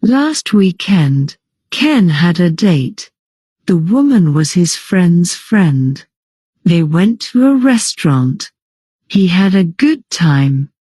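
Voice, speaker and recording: Woman reading a slow easy story for english learners, breathy, dry close sound. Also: lowish voice, sing-song, warm tone, no echo. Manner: slow, simple, clearly paced sentences. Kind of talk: slow scripted story narration.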